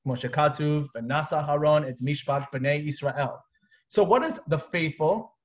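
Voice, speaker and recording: A man's voice: fairly high pitch, a little slow. A man in his thirties teaching a live online Torah class, explaining step by step with casual asides. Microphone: webcam on a video call. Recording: dull lo-fi video call audio.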